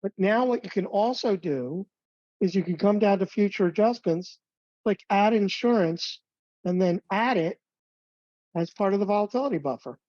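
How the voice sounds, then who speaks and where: A man training advisors on planning software in a relaxed, conversational webinar, with fillers and light jokes. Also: sits high, normal speed, no room sound. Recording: dull, dry webinar audio.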